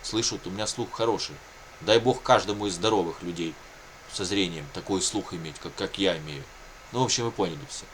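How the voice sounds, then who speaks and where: The audio is poor, with a bit of hiss or hum, and the man's voice sits low and runs a little fast. He's a video blogger and native Russian speaker talking unscripted about his own situation, going round in circles with frequent colloquial catchphrases.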